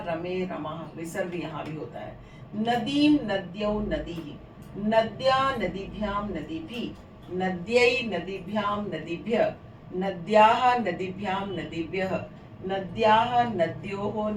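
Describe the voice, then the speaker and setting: A woman's voice: mid-range voice, reverberant, far from the mic, slight background noise, rough recording. A woman teaching a Sanskrit grammar lesson, patiently reciting and repeating word forms. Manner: patient, repetitive drilling of declensions.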